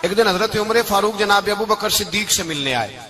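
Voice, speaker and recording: High-pitched impassioned preacher. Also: male voice, animated. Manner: impassioned, swings from soft storytelling to shouts; chants verses in a slow sung tone. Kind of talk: religious sermon. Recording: live event with audible crowd. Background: audience crowd.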